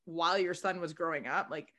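Woman hosting a casual chat, says "like" constantly, curses a lot, lowish bright voice. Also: steady tone, a little fast. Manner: blunt, swears freely, lots of "like". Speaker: podcast co-host.

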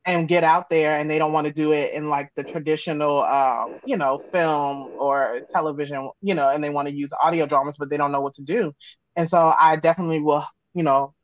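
A low-voiced woman with an American accent, heard on a dry recording with dull audio. She's an interview guest, an audio drama creator and sound designer, chatting casually and informally in loose, run-on thoughts.

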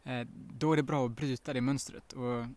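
Man, co-vlogger, calm and explanatory, casual chat outdoors. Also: mid-range voice. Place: outdoors by a lake.

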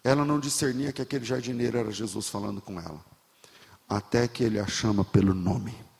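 A man preaching a sermon as pastor, swinging from quiet, low passages to impassioned shouting. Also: brisk, gravelly, long reverb tail. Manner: builds to impassioned shouting, then drops low.

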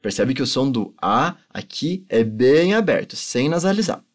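A male teacher, a native Portuguese speaker, giving a language lesson and patiently drilling phrases slowly for repetition. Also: medium pitch, sing-song. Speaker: German teacher.

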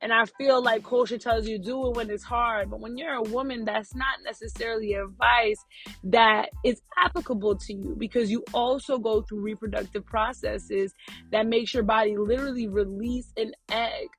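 A woman's voice: fairly high pitch, fairly even intonation, moderate pace, breathy edge, faint music behind. An American woman chatting casually to her viewers from inside a car, earnest and encouraging, with slangy phrasing. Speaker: vlogger.

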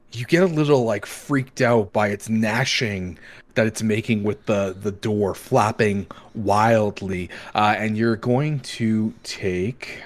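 A man casually narrating a tabletop game as its game master. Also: lowish voice.

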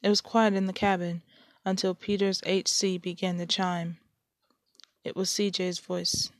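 A woman's voice: fairly low pitch, level tone, a little slow, no echo, studio quality. A woman hosting her own podcast, chatting casually and then reading a story aloud. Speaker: podcast host and story reader. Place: shared home.

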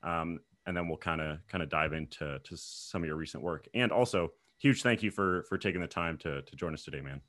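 A man hosting a podcast, introducing his guest in a halting way with many fillers and repeated words. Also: low voice, a bit bright, dry recording, studio quality. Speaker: podcast host. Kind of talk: interview introduction.

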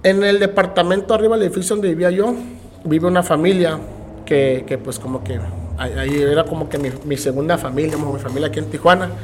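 A fairly high-voiced man with a Mexican Spanish accent talks as a podcast guest. He tells his stories in a casual, animated way and slips into other people's voices as he goes. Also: quick pace, slight background noise. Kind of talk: casual storytelling interview.

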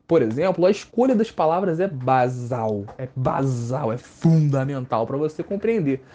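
A man's voice: on the high side, warm tone, highs cut off. A man with a Brazilian accent, teaching a podcast lesson in a casual, conversational way and answering his own questions. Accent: Brazilian Portuguese.

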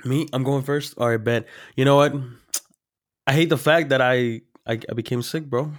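A man's voice: mid-range voice, fairly even intonation, normal speed, no echo. A young man with a stuffy, congested voice hosts a podcast in a laid-back, joking way. He fills his talk with ums and uhs. His voice is recorded dry and close. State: congested from a cold. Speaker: podcast host. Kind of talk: casual podcast chat. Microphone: remote home recording.

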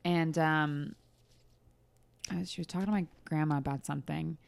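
Low-voiced woman in casual podcast chat. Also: fairly even intonation, normal speed, vocal fry, no echo. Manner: candid, swearing, storytelling. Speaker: podcast co-host.

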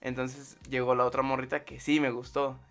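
A man with a Mexican accent telling a story in casual chat, relaxed and laughing between lines. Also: medium pitch, normal speed, faint music behind.

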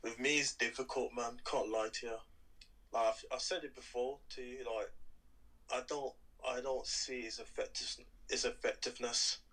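Casting: male host for a relaxed group discussion, crisp-edged bright voice, plain-spoken and informal. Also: medium pitch, normal speed, low-quality recording. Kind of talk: casual chat, asking questions.

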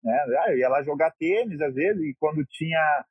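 A man's voice: on the high side, animated, moderate pace, slightly rough, no echo, muffled recording. A Brazilian man in his thirties, a goalkeeper, telling stories in a chatty, laughing way as an interview guest. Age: 30s. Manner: chatty, laughs often, many fillers. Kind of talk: casual interview storytelling.

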